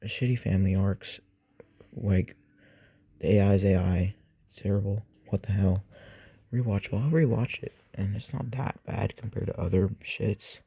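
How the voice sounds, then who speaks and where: A man's voice: lowish voice, steady tone, moderate pace, creaky, mellow, slightly rough, no room sound. A young man casually reviewing movies for his channel, rambling and swearing with lots of fillers. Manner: rambling, profane, filler-heavy.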